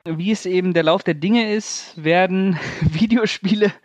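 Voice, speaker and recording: A German man hosting a podcast, his voice set a bit high and recorded dry and close. He moves the talk along with casual, teasing remarks and blunt jokes. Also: a little slow, no echo. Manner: teasing, steers the conversation, crude jokes. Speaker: podcast host. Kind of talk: casual chat.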